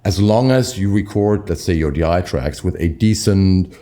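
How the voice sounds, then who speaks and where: Very hoarse, low-voiced man presenting. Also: moderate pace, dark tone. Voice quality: hoarse, strained voice. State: hoarse, voice lost. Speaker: host. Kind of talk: upbeat presenter talk and interview.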